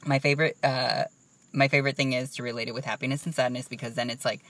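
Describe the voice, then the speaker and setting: A man's voice: mid-range voice, level tone, quick pace, a bit bright, dry recording, recorded from a distance. A young man in casual chat, rambling and saying "like" a lot. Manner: chatty, rambling, says "like" a lot.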